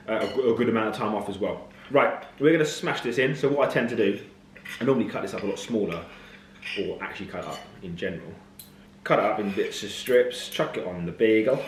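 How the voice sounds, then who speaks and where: A man's voice: fairly low pitch, a little hiss or hum. Chatty man vlogging in a roomy kitchen. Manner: chatty, blunt, matter-of-fact. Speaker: fitness coach. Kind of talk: casual vlog talk to camera.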